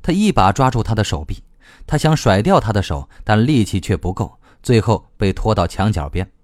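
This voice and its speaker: A man narrating a novel as an audiobook, reading in a lively, expressive way. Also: lowish voice, moderate pace, dry recording, studio quality.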